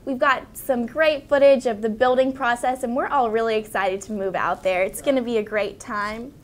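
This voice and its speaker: A woman's voice: on the high side, fairly even intonation, moderate pace. A young American woman speaking in an upbeat broadcast style as she hosts an interview show. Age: young adult. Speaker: show host. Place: small wood-walled studio set, indoors.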